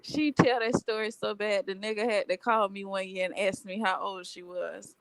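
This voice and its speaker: A woman's voice: mid-range voice, steady tone, normal speed, no room sound, rough recording. A woman in her twenties, a guest in a casual gossip chat, telling stories in a laid-back, amused way.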